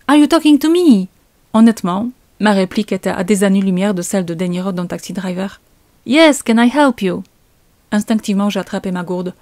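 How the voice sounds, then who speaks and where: A woman's voice: medium pitch, mellow, no echo. Woman narrating. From Poland. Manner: storytelling, suspenseful. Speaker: comic author. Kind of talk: first-person narration.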